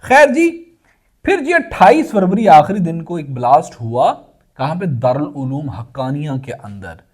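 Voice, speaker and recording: Brief: man giving an exam-prep current-affairs lecture, mellow voice, lively pitch, self-corrects often. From Pakistan. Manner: explains with questions and answers to himself, addresses viewers as friends; frequent fillers and self-corrections.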